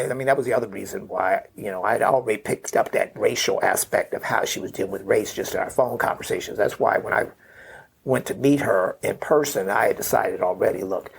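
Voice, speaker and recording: A middle-aged man, a memoir author appearing as a podcast guest, tells a family story in loose, rambling interview fashion, tagging points with "right?" and "you know." His voice sits on the low side, fairly quick, with vocal fry and a breathy edge.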